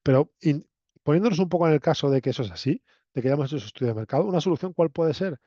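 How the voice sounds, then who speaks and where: A man with a fairly high, mellow voice speaks in an animated, racing rush. He's a Castilian-accented university lecturer from La Mancha, Spain, teaching students conversationally and didactically while frequently checking in with short tag questions. Roomy echo and a dull lo-fi quality mark the recording.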